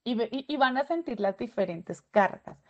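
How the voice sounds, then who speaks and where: A woman giving an animated webinar lecture, often stopping to check in with her audience. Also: fairly high pitch, moderate pace. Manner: animated, asks checking questions, acts out student voices. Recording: dull lo-fi webinar audio.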